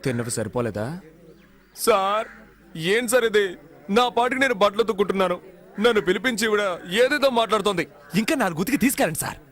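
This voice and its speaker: A man's voice: sits high, sing-song, quick pace, fairly bright tone. An actor playing a wily young man jailed as a fraud in a comic film scene, cheeky and mocking.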